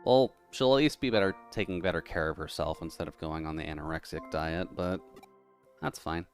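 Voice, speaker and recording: Low metallic-voiced man streaming a game. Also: fairly quick, soft background music. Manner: chatty, mutters while playing, reads chat aloud. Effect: metallic tin-can robot voice filter. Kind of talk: casual gameplay commentary, chatting with viewers.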